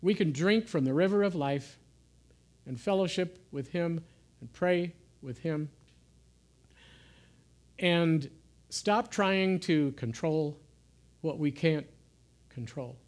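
A man giving an informal sermon in a gentle, conversational way, sometimes dropping to soft, hushed asides. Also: fairly high pitch, takes it slowly, long pauses. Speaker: pastor. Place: church.

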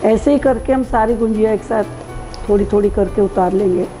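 A middle-aged woman guides viewers through a recipe, calmly explaining every step. Her voice is warm and mellow. Faint music plays beneath her. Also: mid-range voice, low-quality recording. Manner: calm, explains each step slowly. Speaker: cooking show host. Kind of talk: step-by-step cooking instruction.

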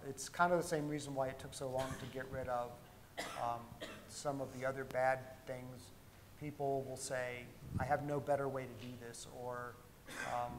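A middle-aged man giving a conversational keynote on a conference stage and taking audience questions, with frequent ums and restarts. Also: mid-range voice. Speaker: keynote speaker. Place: large conference hall stage. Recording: long hall reverb, faint noise.

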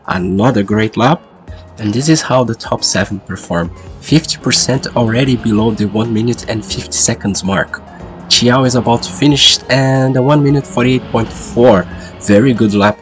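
A man hosting race qualifying commentary while sick, with a congested, duck-like voice. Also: medium pitch. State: sick with a lingering cold. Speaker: sim racing commentator and host. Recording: music behind the voice. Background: background music.

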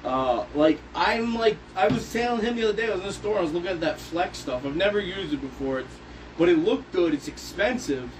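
A man's voice: high-pitched, lively intonation, a little fast, far from the mic, slight background noise, low-quality recording. A man co-hosting a podcast, chatting casually and profanely with frequent rambling restarts. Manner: profane, rambling, acts out loud shouted bits. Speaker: podcast co-host. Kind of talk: casual banter among tradesmen.

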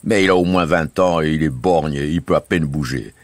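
A man voicing Bouzig, a cheeky, breezy male canal keeper who talks in loud, coaxing exclamations. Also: extremely low pitch, moderate pace, dry recording. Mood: reassuring.

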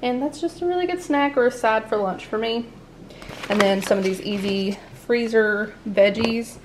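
Amid a noisy background, a family vlogger unpacks groceries in her indoor dining room at home, talking in a rambling, easygoing way full of laughter. Her fairly high voice keeps a normal pace.

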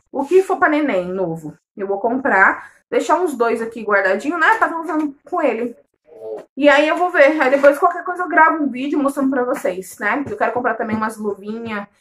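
A young woman in late pregnancy chats to her viewers in a casual home vlog. Her voice sits high and she talks in a warm, affectionate way, calling everyone her loves. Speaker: vlogger. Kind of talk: casual chat.

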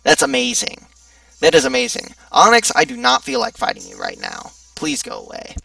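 A man's voice: very high voice, wildly swooping pitch, normal speed, gravelly, pushed and bright, no room sound, far from the mic. A young man giving sarcastic, joking commentary while playing a video game. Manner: joking, sarcastic, chatty asides. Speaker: let's play gamer. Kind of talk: casual gameplay commentary.

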